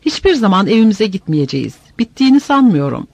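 A man's voice: sits high, very animated, fast talker, no echo, full character voice. A man reading an audiobook, voicing a weary, doubtful male soldier who talks grimly and insistently. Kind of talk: audiobook character voice.

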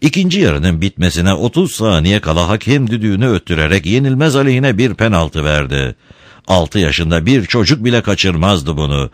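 A man narrating a storybook in an expressive, dramatic way. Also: deep voice, moderate pace, dry recording, studio quality. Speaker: audiobook reader.

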